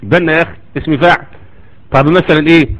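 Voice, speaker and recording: Man, Egyptian Arabic accent, religious lecturer, rapid talker, high voice, argumentative, rhetorical questions. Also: fairly even intonation, fairly bright tone, low-quality recording. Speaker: Islamic lecturer.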